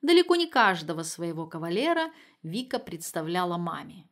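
A woman narrating a humorous story as an audiobook reader, with lively, expressive storytelling. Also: on the low side, moderate pace.

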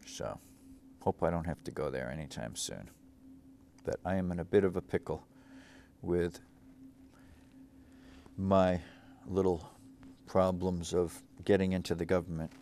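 A man's voice: low voice, fairly even intonation, a little slow, creaky, pauses often, a little mellow, slight background noise. A middle-aged man from Cape Cod hosting a local show, seated at a studio desk and wandering through reflective memories, full of fillers and restarts. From Cape Cod, Massachusetts. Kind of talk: rambling local-history monologue.

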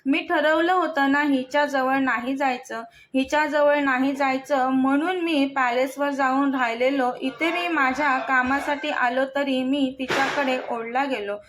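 A woman's voice: sits high, fairly even intonation, a little slow, few pauses, a bit bright, slight background noise. A woman voicing a domineering young husband in a spoken storybook, scolding harshly. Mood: frustrated. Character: stern, domineering young husband, quick to anger.

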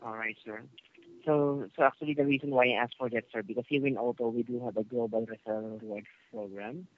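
Speaking fairly quickly in a steady, medium-pitched tone, this telephone service agent sticks to his customer service script. He's formal and polite and keeps saying "sir," over a muffled line with slight noise.

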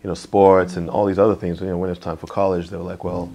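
A young man from Nigeria, a music producer, talking casually in an interview in a music studio, often saying "you know". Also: deep voice. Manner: relaxed, fills pauses with "you know".

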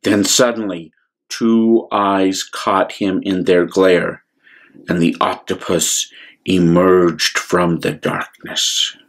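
A man telling a children's bedtime story in an expressive, deliberate way, with little asides to listeners. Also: low voice, low-quality recording. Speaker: priest reading a storybook.

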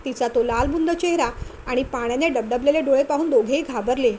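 A woman storyteller reading a family novel aloud in a steady, expressive way. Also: high-pitched, a little fast, a little hiss or hum. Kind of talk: scripted story narration.

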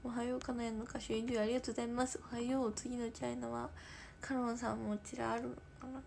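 A teenage girl streaming live in her room, chatting casually, reading viewer comments aloud and drifting into soft whispers. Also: a little high, little pitch movement, racing, creaky, slight background noise. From Japan. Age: teens. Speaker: idol livestreamer.

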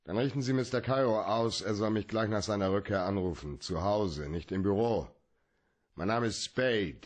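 Man acting Sam Spade, low-voiced hard-boiled detective. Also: normal speed, natural voice. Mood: matter-of-fact. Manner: laconic, deadpan. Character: cool, hard-boiled male private detective, cynical and shrewd. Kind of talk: German radio play acting.

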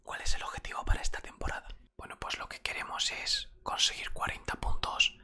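A man with an accent from Spain whispers throughout, close to a desktop microphone, his voice airy and very bright. Playing a football coach in an ASMR roleplay, he talks softly, unhurriedly, and conversationally.

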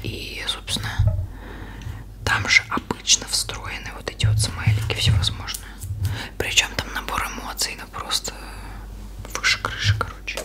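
Female ASMR creator, soft unvoiced whisper throughout, informal show-and-tell delivery, close-miked. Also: moderate pace, long pauses. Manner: informal, loose, thinking aloud.

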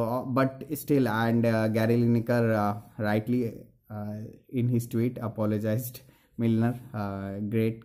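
A young man with an Indian English accent, giving an earnest, halting post-match analysis to camera from a small room, with many fillers and restarts. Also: medium pitch, mellow. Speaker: football fan vlogger.

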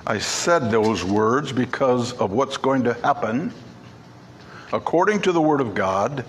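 A man's voice: mid-range voice, animated, measured pace, slight background noise. Emphatic man preaching a sermon. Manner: emphatic, repeats key words. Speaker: pastor. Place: church sanctuary.

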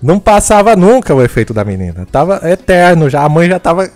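A male streamer tells a story in a fairly high, lively voice, swearing freely and breaking into laughter. Quiet music plays faintly behind him. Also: quick pace, no room sound. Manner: animated, laughing, crude. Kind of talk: comic storytelling.

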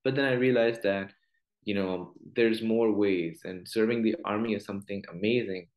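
A young man in his twenties with a Pakistani accent speaks in a fairly low, darkish voice at normal speed. He's a guest doctor answering interview questions over a video call from a small room at home, earnest and peppering his answers with "you know." The room sounds echoey.

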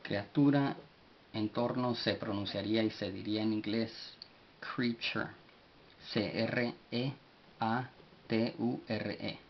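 A man giving a spoken language lesson, slowly spelling out words letter by letter with many pauses and fillers. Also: fairly low pitch, steady tone. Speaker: language teacher. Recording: dull recording with faint hiss.

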